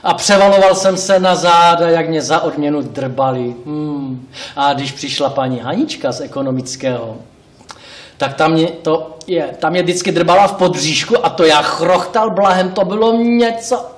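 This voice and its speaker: A self-pitying talking pig, played by a man in a live stage monologue, rambling and correcting himself as he speaks to the audience. His voice sits fairly high. The sound is roomy and captured from far off on a theatre stage. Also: close to an everyday voice. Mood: wistful. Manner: bursts into indignant shouts. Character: talkative male pig, actor-like, wistful and self-pitying. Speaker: stage actor. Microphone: distant room mic.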